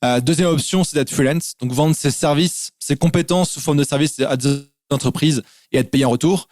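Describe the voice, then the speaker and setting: A man's voice: a little high, moderate pace, no room sound. Chatty French man, dry sound. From France. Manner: relaxed, explains in lists with many fillers. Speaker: guest. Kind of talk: casual interview over a call.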